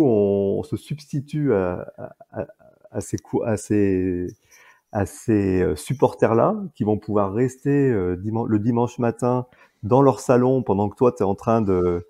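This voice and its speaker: A man's voice: fairly low pitch, gravelly, warm tone. A man in his forties talking casually as a podcast guest, hesitant with many fillers and restarts. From France. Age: 40s. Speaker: guest entrepreneur.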